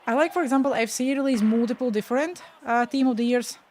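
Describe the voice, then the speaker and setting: Her voice is on the high side, fast and a little mellow, with a touch of hiss or hum in the recording. She's a twenty-something from Latvia with a Latvian accent, talking frankly and casually to stream viewers and often trailing off mid-word.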